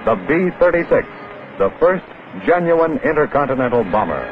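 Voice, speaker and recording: A man's voice: on the high side, expressive, normal speed. A man narrating a 1940s newsreel in a dramatic, emphatic announcer style, heard as an old film recording. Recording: tinny lo-fi old film sound with music.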